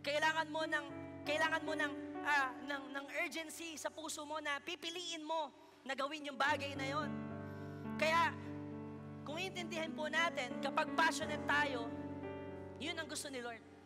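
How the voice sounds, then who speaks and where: A male pastor with a Filipino accent preaching a lively sermon in church, teasing the congregation as he goes. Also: extremely high pitch, normal speed, pauses often, over loud music. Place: church hall.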